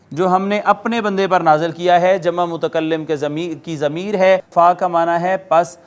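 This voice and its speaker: A man's voice: sits high, clear, resonant tone. A man with a Pakistani Urdu accent teaching Quranic Arabic grammar, explaining word by word with patient repetition. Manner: patient, methodical, spells out words and repeats meanings; chants Quranic words slowly in a drawn-out recitation tone. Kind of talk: classroom-style recorded lecture.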